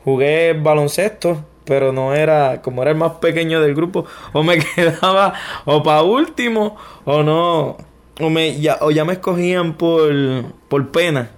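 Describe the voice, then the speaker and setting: A man's voice: fairly high pitch, unhurried. A man with a Puerto Rican accent, a guest giving his personal testimony in an interview, speaking reflectively with many restarts and fillers. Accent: Puerto Rican Spanish. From Puerto Rico.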